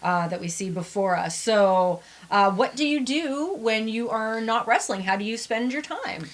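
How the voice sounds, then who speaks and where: A woman's voice: a little high, lively intonation. Upbeat woman host. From Canada. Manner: upbeat, quick to agree, lots of tag questions. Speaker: show host, interviewer. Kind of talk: casual interview chat.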